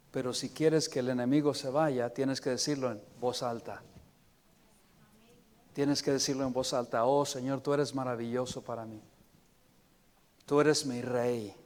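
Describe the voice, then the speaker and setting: Slow-preaching pastor in a reverberant church. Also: male voice, medium pitch. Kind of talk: sermon. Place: church sanctuary. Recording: long reverb of a church hall.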